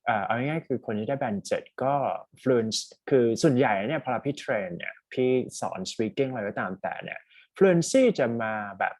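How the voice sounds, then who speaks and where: Husky, lively Thai male tutor. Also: mid-range voice, moderate pace, no echo. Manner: chatty, mixes English terms into his talk. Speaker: IELTS speaking tutor. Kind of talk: casual one-on-one coaching.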